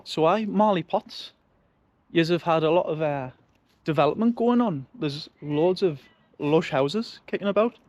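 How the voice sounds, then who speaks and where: A man's voice: a little high, lively intonation, normal speed, darkish tone, no room sound. A man with a Sunderland accent giving a casual, chatty walking-tour commentary in colloquial dialect. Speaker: local-history vlogger. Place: outdoors, walking along residential streets. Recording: outdoor street and traffic noise.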